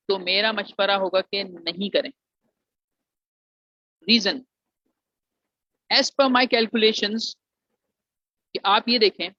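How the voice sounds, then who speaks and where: This high, pushed, bright male voice belongs to an engineering graduate from Pakistan offering admission guidance in a relaxed lecture. Addressing students as "beta," he blends English phrases into Urdu. The sound is dry and muffled.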